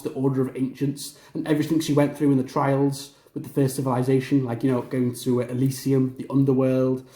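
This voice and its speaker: Enthusiastic rambling man, mellow voice. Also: medium pitch. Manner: enthusiastic, rambling with many fillers and restarts. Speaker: gaming video host. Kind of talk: casual ranking commentary. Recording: roomy echo.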